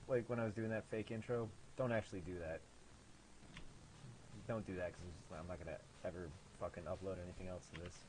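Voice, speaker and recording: A man's voice: lowish voice, a little mellow, slight background noise, low-quality recording. A man from the American Midwest with a nasal voice, giving sarcastic, profane, self-deprecating commentary on a game he made. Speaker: game developer. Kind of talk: gameplay commentary.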